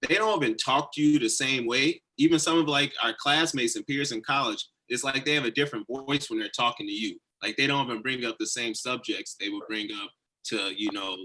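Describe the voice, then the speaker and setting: A young man from St. Louis, a former college athlete, talking in a relaxed, conversational way in a panel discussion. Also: medium pitch, fairly quick, poor audio.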